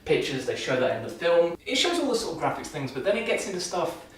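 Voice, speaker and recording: Shaving while he vlogs, a young man rambles loosely through a casual film review, restarting often and using dry sarcasm. His voice is on the high side, fast, with big pitch swings. The sound is echoey, with a distant mic.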